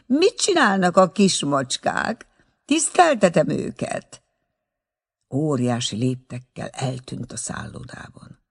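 Gravelly, husky male audiobook narrator. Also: medium pitch, mellow.

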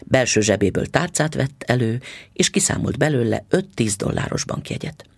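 A man reading a short story aloud as an audiobook narrator, in an expressive reading style with lively intonation. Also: mid-range voice, creaky, husky, no echo.

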